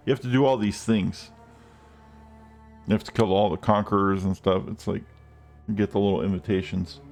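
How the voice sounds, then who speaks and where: A man chatting casually on a game live stream, rambling and swearing freely, with excited outbursts. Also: lowish voice, moderate pace, gravelly, faint music behind.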